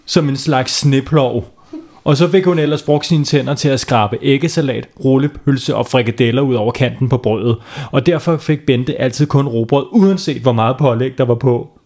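A man with a mid-range, slightly mellow voice hosts and narrates a playful bedtime story for children. He chats with the young listeners as he goes.

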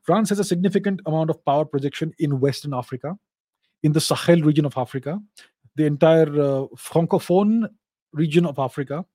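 Casting: male Q&A host, Indian accent, fairly high but soft-toned voice, opinionated and explanatory. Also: brisk, dry recording. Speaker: host of a live Q&A show. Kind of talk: informal geopolitical commentary answering viewer questions.

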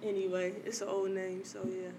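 A man co-hosting a casual podcast, relaxed and given to wry asides. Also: high voice, a little fast, reverberant, background noise. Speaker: podcast co-host.

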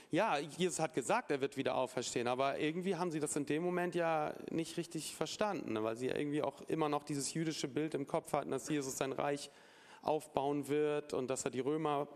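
A man preaching with a slightly high voice, telling the story in a lively way. He acts out the dialogue and adds casual asides to his listeners. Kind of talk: sermon with Bible reading.

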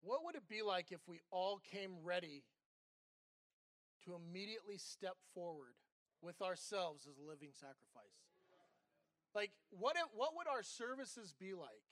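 A middle-aged associate pastor preaches in a candid, conversational way, weaving in stories from his own life. His voice sits high and bright. The sound is dry and close, with almost no room echo. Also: lively intonation, measured pace. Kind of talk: sermon.

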